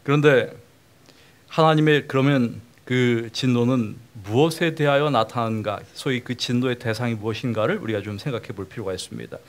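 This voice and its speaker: A man's voice: mid-range voice, normal speed. A middle-aged male pastor giving a conversational sermon lecture, often putting questions to the congregation.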